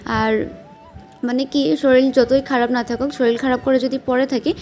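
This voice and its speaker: A woman's voice: high-pitched, fairly even intonation, moderate pace, darkish tone. A young woman with a Bengali accent, chatting casually through her day while unwell, with many fillers. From West Bengal, India. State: unwell with stomach pain. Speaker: vlogger. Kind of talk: casual vlog narration. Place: at home and out and about.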